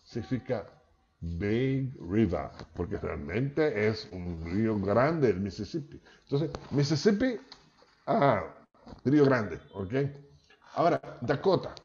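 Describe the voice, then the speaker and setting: His mid-range voice is darkish and swings widely in pitch, and his delivery runs a little slow. He is a linguistics professor with a Maracaibo Venezuelan accent, giving a talkative lecture on a video call and punctuating lines with "¿ok?". The call audio is dull and low quality.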